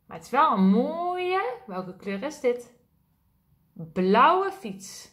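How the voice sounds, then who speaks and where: A woman teacher reading a picture book aloud to small children, high-pitched and sing-song. She takes her time and asks the children questions about the pictures. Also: very animated, very slow, fairly bright tone.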